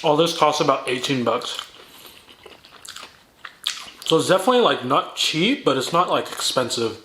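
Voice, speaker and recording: A male food vlogger with a bright, forward voice talks casually to viewers as he eats crunchy fried chicken. He speaks between bites at a middle pitch. The sound is roomy and echoey, with faint noise behind him. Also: animated, moderate pace. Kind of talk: casual mukbang chat to viewers while eating fried chicken.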